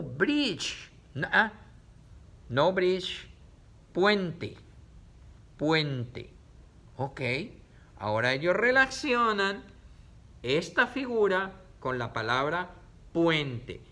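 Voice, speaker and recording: A man giving a reading lesson to children, slowly sounding out words syllable by syllable and repeating them, recorded on a camera set up in front of him. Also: mid-range voice, fairly bright tone.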